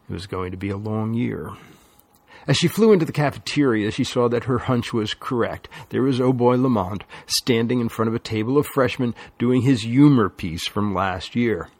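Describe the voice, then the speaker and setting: Gravelly guy reading an audiobook, measured, super dry close sound. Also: on the low side, darkish tone, no echo. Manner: measured storytelling. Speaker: audiobook narrator. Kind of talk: scripted narration.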